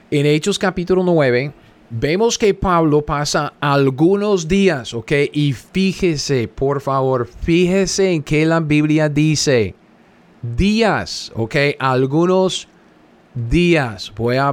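Man teaching scripture, emphatic repeats. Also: medium pitch. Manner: reads scripture aloud, repeats phrases for emphasis, checks in with "¿ok?". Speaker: Bible teacher. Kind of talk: Bible study teaching.

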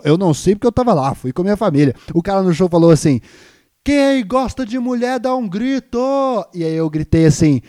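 Young male podcast host, mock-outraged comic ranter, mellow voice, dry close sound. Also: fairly high pitch, no echo. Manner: exaggerated, mock-outraged, shifts between loud and mumbled. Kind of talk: comedic rant on a live stream.

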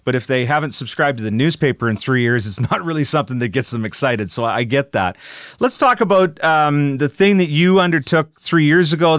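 A man's voice: mid-range voice, a bit bright, no echo, clean studio sound. A man hosting a podcast, asking questions in a conversational, friendly way. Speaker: podcast host. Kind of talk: podcast interview.

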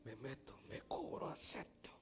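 A man preaching a sermon, swinging from loud, fast preaching to hushed whispers. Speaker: pastor. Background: music playing.

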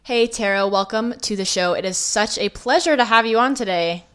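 A woman of middling pitch hosts a podcast with an upbeat, friendly delivery. She reads her own sponsor spots and a listener review, then turns to questioning her guest. Some words are drawn out slowly for emphasis. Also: a bit bright, smooth, soft background music. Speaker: podcast host. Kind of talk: podcast host reading ads and interviewing.

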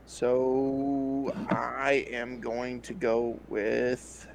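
A man's voice: mid-range voice, completely flat delivery, very slow, creaky, slight background noise. A man co-hosting a podcast, rambling and hesitating casually, laughing often during a fantasy draft. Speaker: podcast co-host.

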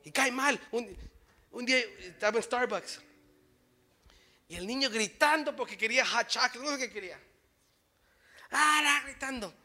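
A man preaching a sermon to his congregation, telling stories and exhorting, swinging from shouts to near-whispers. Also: very high voice, normal speed, long pauses.

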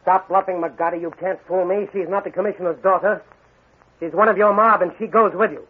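A man's voice: high-pitched, steady tone, a little fast, husky, narrow, tinny audio. An actor playing a confident, commanding masked male crime-fighter in a 1940s radio drama. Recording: scratchy old radio recording.

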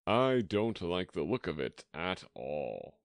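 A man's voice: sits low, very animated, slow, smooth, no echo, full character voice. A man voicing a nervous, fussy old king in a storybook, with a peevish manner.

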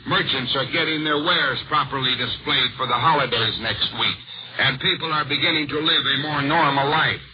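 Old time radio announcer guy reading 1940s war news, formal, muffled crackly shortwave sound. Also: mid-range voice. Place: radio broadcast from overseas.

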